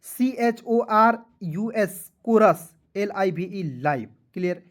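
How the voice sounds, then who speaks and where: A man's voice: high-pitched, lively intonation. Tired man spelling words letter by letter. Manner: spells out words letter by letter, then says them slowly; keeps addressing viewers as friends, checking "clear?". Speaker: English spelling teacher. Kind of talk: online video lesson.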